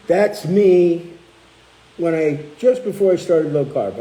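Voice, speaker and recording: In a mid-range voice, a middle-aged channel host and cookbook author tells stories in a casual chat, animatedly impersonating the people he quotes. The audio is poor, with a little hiss or hum.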